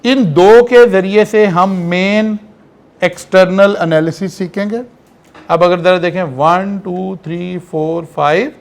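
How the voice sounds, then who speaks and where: Man, high voice, lecturer walking students through a syllabus, explanatory, keeps asking if it's clear. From Pakistan. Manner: explanatory, checks in with rhetorical questions. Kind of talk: online classroom lecture.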